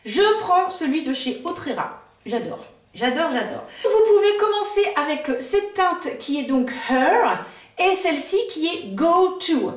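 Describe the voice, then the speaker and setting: A woman's voice: high-pitched, big pitch swings, a little slow, echoey room, far from the mic. A woman vlogger chatting enthusiastically through a makeup tutorial, with lots of fillers.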